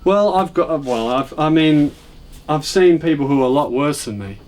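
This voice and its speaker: A man's voice: a little high, lively intonation, moderate pace, darkish tone. An Australian man, a record collector, chatting casually in an interview, hesitant and full of restarts. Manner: hesitant, with many fillers and restarts.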